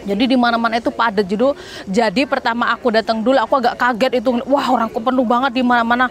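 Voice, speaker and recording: A woman's voice: fairly high pitch, steady tone, fast, soft background music. A woman from Indonesia chatting casually to camera, with lots of fillers and tag words. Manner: chatty, many fillers and "gitu ya". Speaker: vlogger. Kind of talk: casual chat. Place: Hong Kong.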